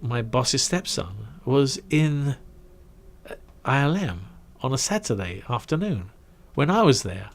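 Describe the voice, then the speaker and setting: A middle-aged man telling a career story in a casual, animated way, acting out quoted voices and trailing into asides. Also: mid-range voice, slow. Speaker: guest recounting his career.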